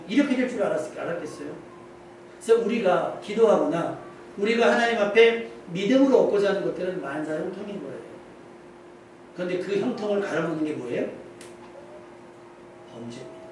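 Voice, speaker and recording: A man's voice: sits high, a little mellow, a little hiss or hum. A male pastor preaching a sermon in a conversational way, posing questions to the congregation and answering them himself. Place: church sanctuary. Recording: echoey church hall, mic at a distance.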